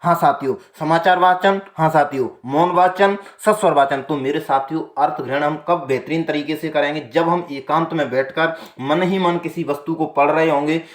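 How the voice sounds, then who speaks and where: A man teaching an exam-prep lesson, working through multiple-choice questions one at a time, with a slightly raised pitch. He keeps addressing his listeners as companions and repeats each answer slowly. The room is roomy and echoey. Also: fairly even intonation. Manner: repeats the answer twice, slow and deliberate.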